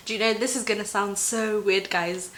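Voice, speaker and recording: Bright-voiced young woman chatting informally. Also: mid-range voice, steady tone, moderate pace. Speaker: talk show host. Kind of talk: casual advice chat.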